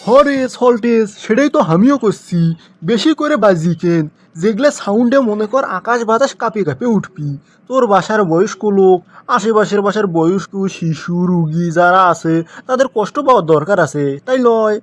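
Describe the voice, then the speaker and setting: A man with a Bogura accent from northern Bangladesh plays a sarcastic, moralizing schoolteacher scolding his pupil in a comic cartoon, where the dialogue turns into a sermon. He speaks at normal speed in a high, animated voice, preachy and full of mock agreement and mocking rhetorical questions.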